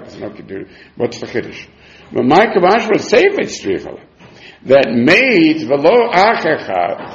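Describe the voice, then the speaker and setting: A man with giving an informal religious text lesson, reasoning aloud in a sing-song way as he asks and answers his own questions. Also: fairly high pitch. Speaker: Talmud teacher. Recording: dull, echoey room recording.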